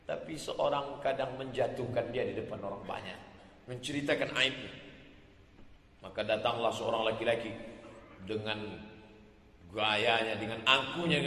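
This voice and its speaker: A man's voice: mid-range voice, moderate pace, pushed and bright. A man preaching an Islamic sermon, emphatic and rhythmic, building repeated phrases into crescendos. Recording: echoey hall with long reverb.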